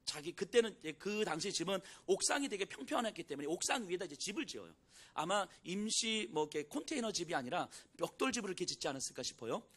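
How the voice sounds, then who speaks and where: Lively-voiced Korean pastor preaching conversationally. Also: male voice, sits high, fast. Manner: conversational preaching, acts out biblical dialogue in casual speech. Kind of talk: sermon.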